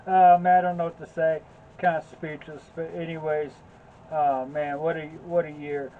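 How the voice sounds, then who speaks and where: A relaxed man with a slightly raised voice jokes and rambles about his year. The sound is thin and phone-like, with a faint hiss behind him. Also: fairly high pitch, moderate pace. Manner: laid-back, joking, rambling. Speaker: co-host. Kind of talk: casual chat.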